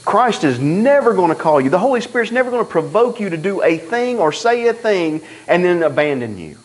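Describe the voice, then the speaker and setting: A man preaching a sermon in a church, telling stories in a folksy, animated way and acting out the dialogue. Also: high-pitched, a little fast, rough recording. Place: church sanctuary.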